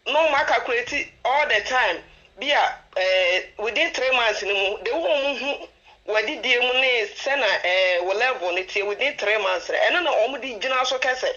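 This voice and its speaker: A woman's voice: fairly high pitch, lively intonation, moderate pace, sharp tone. Dull call-in line, Ghanaian woman advising. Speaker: caller to a phone-in show. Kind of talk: informal advice, switching between languages.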